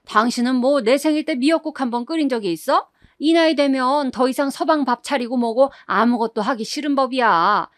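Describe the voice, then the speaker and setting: A woman voicing a shrill scolding mother-in-law. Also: fairly quick, few pauses, no room sound, clean studio sound, natural voice. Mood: grumbling, defiant. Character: grumpy, sharp-tongued middle-aged mother-in-law. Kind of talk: storytelling.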